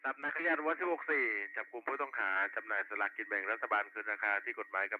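A man's voice: lowish voice, quick pace. A man working as a police radio dispatcher, reading back reports in clipped, formulaic roll-call style over a walkie-talkie. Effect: two-way radio. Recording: tinny narrowband walkie-talkie with faint noise.

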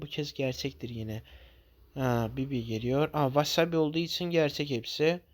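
Young guy narrating his own game, slightly high voice, gets worked up and yells at his teammates a lot. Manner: excitable, swears at teammates, frequent rants. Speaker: gamer commentating his own match. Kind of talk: casual gameplay commentary.

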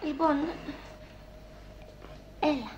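A woman's voice: sits high, a little mellow, muffled recording, slight background noise, natural voice. An actress playing an insistent, coaxing woman with a Cypriot accent. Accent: Cypriot Greek. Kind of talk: sitcom acting. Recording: TV sound with music behind.

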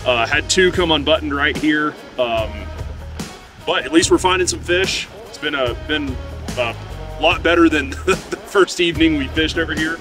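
A man's voice: on the high side, moderate pace. Host type, 30s guy, laid-back outdoors chat by a creek, light music under it. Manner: relaxed, easygoing, lots of ums. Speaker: fly fishing guide and host. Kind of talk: casual outdoor vlog talk. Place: outdoors by a mountain stream.

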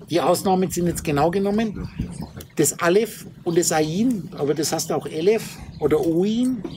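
A man gives an informal spoken lecture to a small group, explaining Hebrew letters and slowly sounding out consonants and vowels. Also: sits high, noisy background. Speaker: teacher of Hebrew letter mysticism.

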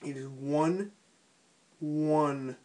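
A man's voice: on the high side, steady tone, very slow, a little mellow. A man talking in his sleep in mumbled, disjointed, repetitive phrases. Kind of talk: unconscious sleep talk. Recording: noisy home recording with clicks.

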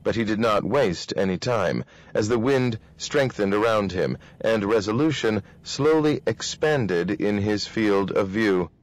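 A man reading a novel aloud in a steady, measured way. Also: fairly low pitch. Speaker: reader.

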